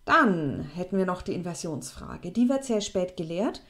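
A woman, explaining French question forms to students in a lively, chatty way. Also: normal speed. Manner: lively, chatty, plays with pitch for emphasis. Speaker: French teacher.

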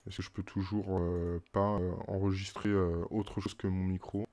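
A male streamer with a French accent, chatting casually on a live stream and muttering to himself with halting restarts. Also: sits low, flat delivery, warm tone.

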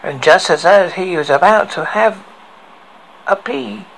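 Horror story killer, male, acted by a man: deranged, tormented, very gravelly, slightly high voice, theatrical delivery, slightly noisy amateur recording. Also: fairly bright tone, heavily acted. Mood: menacing. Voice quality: heavily creaky, gravelly. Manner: slow, halting, theatrical delivery. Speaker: horror host. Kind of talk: dramatic horror story recital.

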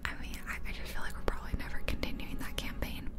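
Whispering softly and breathily at a quick pace, a female ASMR host and gamer chats in a relaxed, informal way about a game. The close ear-to-ear ASMR mic makes her rambling commentary sound intimate.

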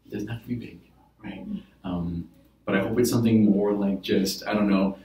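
A man's voice: on the low side, steady tone, normal speed. A man playing a therapist in a role-play session, explaining patiently and checking in with "right?" as he goes. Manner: explaining gently with many "right?" and "like" fillers. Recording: roomy, from a distance.

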